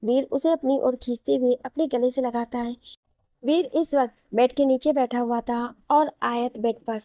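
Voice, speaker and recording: A woman reading a romantic audio story aloud in an even storytelling manner. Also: high-pitched, moderate pace, dry recording, studio quality. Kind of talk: scripted narration of a romance story.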